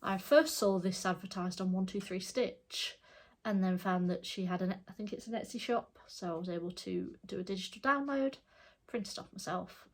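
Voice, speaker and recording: A middle-aged woman, her voice stuffed up and congested, chats casually while showing her cross stitch projects, rambling and correcting herself. Her pitch is medium and her speed normal.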